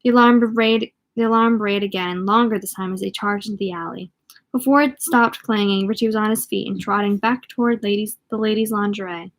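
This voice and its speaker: An amateur audiobook reader, a woman, reads a novel aloud at a fairly quick pace. Her voice is medium in pitch with fairly even intonation, and she sometimes trips over words and goes back over phrases.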